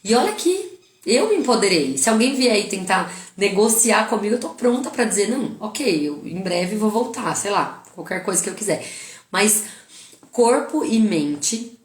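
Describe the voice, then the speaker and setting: A woman with a Brazilian Portuguese accent, in her thirties, teaching a class in a lively way and asking her listeners rhetorical questions. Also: medium pitch, moderate pace. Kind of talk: lecture to a class. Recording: echoey room.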